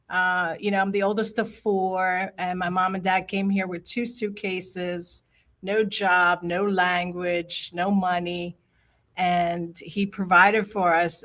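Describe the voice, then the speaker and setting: A woman's voice: on the low side, fairly bright tone. An older woman from Italy, a realtor, telling her family story in a rambling, personal way during a casual group chat. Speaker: realtor and app founder.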